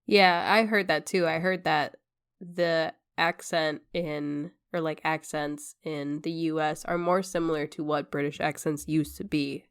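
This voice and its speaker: A woman's voice: low voice, fairly even intonation, measured pace, smooth. A woman co-hosting a podcast in casual chat, reacting with laughs and short joking asides. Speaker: podcast co-host.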